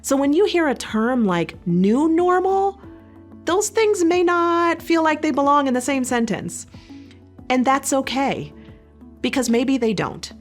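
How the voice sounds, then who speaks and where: A woman social worker giving a calm, reassuring educational talk, speaking directly to the listener. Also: sits high, unhurried, faint music behind.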